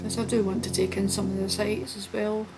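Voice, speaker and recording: A woman hosting a flight video with casual, chatty, relaxed running commentary. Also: medium pitch, brisk, over loud music. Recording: steady background noise behind the voice.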